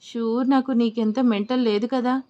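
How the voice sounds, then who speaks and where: A woman's voice: fairly high pitch, fairly even intonation, moderate pace, muffled recording, natural voice. A woman voicing a young husband in an audio story, teasing in banter and stern when he lectures.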